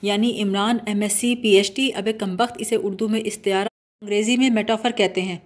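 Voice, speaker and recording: A woman's voice: mid-range voice, fairly even intonation, lightly acted. Woman reading a blustering pompous young man. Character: bumbling eccentric young man, mock-serious.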